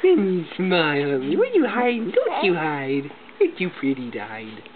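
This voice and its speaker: A man's voice: on the high side, wildly swooping pitch, normal speed, over a noisy crowd. A father coaxing his infant in gasping, sing-song baby talk, recorded on a home video. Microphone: recording phone held by the mother. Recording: tinny phone-like home video, loud noise.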